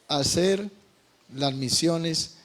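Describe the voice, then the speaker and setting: A Colombian man preaching as a pastor, telling a testimony with passion, moving between quiet and loud. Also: a little high, very slow. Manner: impassioned, swings from quiet to loud. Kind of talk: sermon testimony.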